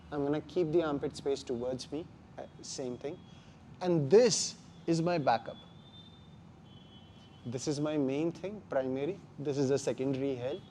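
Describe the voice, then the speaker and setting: Indian-accented man coaching grappling, higher-pitched voice. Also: dark tone, slight background noise. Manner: emphatic, short repeated phrases. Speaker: jiu-jitsu instructor. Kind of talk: hands-on martial arts class instruction. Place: indoor martial arts class.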